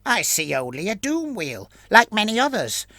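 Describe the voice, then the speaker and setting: A man's voice: high voice, big pitch swings, normal speed, pushed and bright, no room sound, pitched above the performer's own voice, heavily acted. A man voicing a curious male ratman soldier who asks questions in clipped, broken grammar. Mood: questioning.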